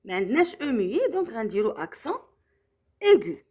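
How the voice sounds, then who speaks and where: Animated high-voiced woman teacher, Moroccan accent. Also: breathy edge. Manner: slow, carefully spelled-out explanations with frequent comprehension checks. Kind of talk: French grammar lesson for children.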